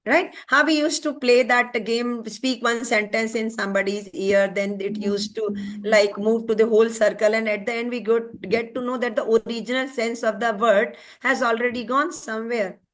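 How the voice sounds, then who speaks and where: A woman's voice: on the high side, fairly even intonation, normal speed. A woman with an Indian English accent leading an online teacher-training class, stressing words and often checking in with her listeners. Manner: emphatic, keeps checking in with "right?".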